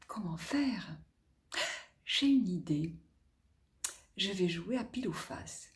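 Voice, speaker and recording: A woman's voice: fairly low pitch, lively intonation, takes it slowly, voice pushed down. A woman voicing a dreamy adventurous male journalist explorer, sighing and musing aloud in a storybook tale.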